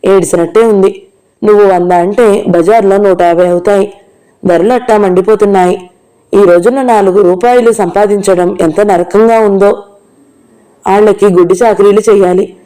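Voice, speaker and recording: A woman voicing a loud, teasing, thrifty middle-aged village woman who scolds and grumbles. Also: mid-range voice, steady tone, normal speed, lightly acted. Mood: scolding.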